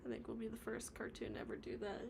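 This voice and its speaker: A woman livestreams herself doing stop-motion animation on the floor of her home workspace, chatting casually, reading viewer comments and rambling with mumbled asides. She talks fast in a fairly high voice with big pitch swings and vocal fry. The background is noisy.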